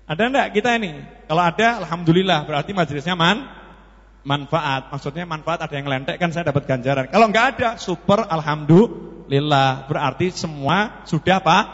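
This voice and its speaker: A man with a Javanese accent preaching a sermon, animated and telling stories, acting out the dialogue as he goes. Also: fairly high pitch. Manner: animated, acts out dialogue in the story, mixes in Javanese. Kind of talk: sermon with storytelling. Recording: lo-fi echoey hall.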